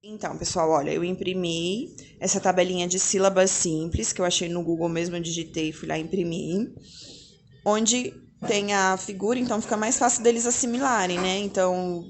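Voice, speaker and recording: At home indoors, a Brazilian woman gives casual parenting tips to her phone camera as a vlogger, chatty and posing questions she then answers herself. Her mid-range voice is a little mellow.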